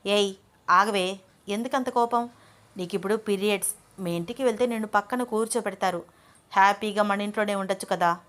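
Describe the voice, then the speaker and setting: A woman's voice: medium pitch, normal speed, long pauses, a bit bright, natural voice. A woman voicing a stern young male lecturer who scolds his wife firmly. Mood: coaxing. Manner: scolding, firm.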